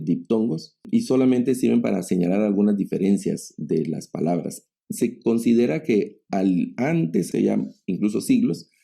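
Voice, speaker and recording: A man with a low, heavily gravelly voice teaches a grammar class. His tone is very dark and a little husky, and he explains each point patiently while speaking straight to his students. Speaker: Greek teacher. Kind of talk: online class lecture.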